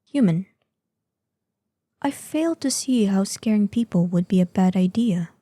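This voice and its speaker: In a scripted fantasy audio drama monologue, a woman plays a proud, imperious ancient dragon in human form, her mid-range voice very dark and soft-edged. She delivers each formal, archaic phrase slowly and with measured weight, expressive and sounding proud and defiant. The recording is close and dry, with no echo.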